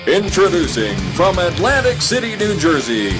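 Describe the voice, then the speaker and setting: A man doing a booming boxing ring announcer. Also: big pitch swings. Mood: hyped. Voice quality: drawn-out announcer bellow. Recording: music playing underneath.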